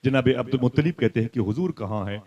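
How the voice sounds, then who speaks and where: A male preacher delivers an impassioned religious sermon in a storytelling style. He drops into soft asides, then rises to loud, high exclaims, and keeps turning to his listeners with direct questions. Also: quick pace, highs cut off.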